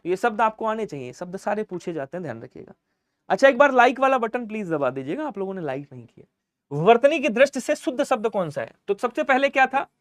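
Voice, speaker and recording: A male Hindi teacher giving an exam-prep lesson, quizzing students with repeated questions and trailing off softly at the end of each point. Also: high voice, sing-song, fast, no room sound.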